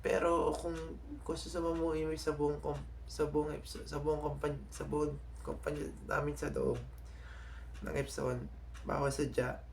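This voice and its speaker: Young filipino guy vlogging, slow and halting, kinda gravelly, lots of restarts, faint noise behind. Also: a little high, little pitch movement. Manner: halting, many restarts and self-corrections. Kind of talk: casual vlog talk to subscribers.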